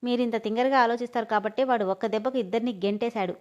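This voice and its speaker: A woman's voice: fairly high pitch, fairly even intonation, racing, darkish tone, lo-fi sound, close to an everyday voice. A woman voicing a scornful middle-aged father who scolds his family, in a storybook reading.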